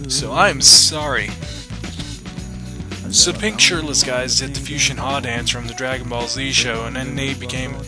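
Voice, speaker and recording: Sarcastic man reading fan fiction over music. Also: medium pitch. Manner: mock-dramatic, sarcastic asides. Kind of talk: comedic dramatic reading. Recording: music playing underneath.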